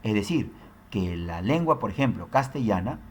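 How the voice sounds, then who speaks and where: A man's voice: fairly low pitch, expressive, moderate pace, husky. A man teaching a recorded language lesson, explaining step by step and often tagging his sentences with questions. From Peru. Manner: explanatory, frequent tag questions.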